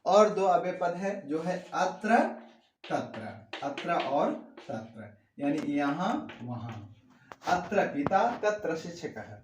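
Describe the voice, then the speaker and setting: A man's voice: a little high, animated, takes it slowly, reverberant, background noise. A man teaching Sanskrit grammar to students. He reads each sentence out and then explains what it means, repeating the key words with emphasis. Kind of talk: classroom lesson explaining grammar.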